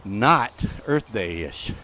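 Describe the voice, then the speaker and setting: A man's voice: lowish voice, lively intonation, very slow, pushed and bright, a little hiss or hum. Breathless man chatting while gaming. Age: middle-aged. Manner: chatty, rambling, talks to game mobs. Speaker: host. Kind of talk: live gameplay commentary.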